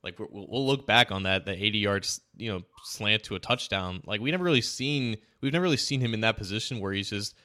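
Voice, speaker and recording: A man's voice: on the low side, fast talker, few pauses, bright, forceful tone. A man co-hosting a sports podcast, talking casually and telling stories with frequent restarts. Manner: chatty, storytelling, frequent restarts. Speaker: podcast co-host.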